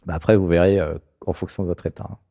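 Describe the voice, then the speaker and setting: A low-pitched, creaky-voiced Frenchman talks quickly as he hosts a spiritual talk show and guides a caller. He's animated and keeps checking in with "tu vois."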